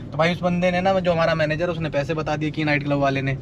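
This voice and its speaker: A man's voice: on the high side, level tone, fast talker, dull audio, noisy background. A young man from India with a Delhi Hindi accent, telling a story in a chatty, casual vlog and often calling the viewer "bhai". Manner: chatty, keeps saying "bhai", laughs while telling a story. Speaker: nightlife vlogger. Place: in and around a car on city streets.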